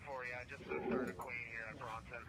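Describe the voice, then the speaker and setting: A man's voice: medium pitch, little pitch movement, a little fast, a loud crowd. A man talking over a police radio, giving short call codes and locations as an officer on duty. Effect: police radio transmission.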